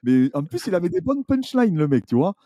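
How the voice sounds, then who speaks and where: A man, a YouTuber guest on a podcast, telling stories in an animated, chatty way with many restarts. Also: high-pitched, a little fast, no room sound, muffled recording. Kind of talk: casual podcast chat.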